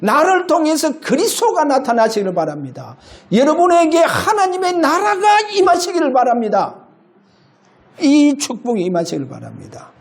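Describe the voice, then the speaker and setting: A male pastor preaching an impassioned sermon in a church, shifting between loud and low. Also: huge pitch swings, normal speed. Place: church sanctuary.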